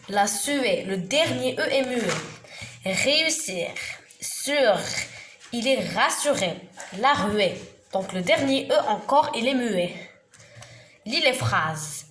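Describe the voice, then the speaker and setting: A woman giving a beginners' reading lesson, spelling out letters and syllables slowly and deliberately. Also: fairly high pitch, a bit bright. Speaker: teacher. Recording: echoey room with faint noise.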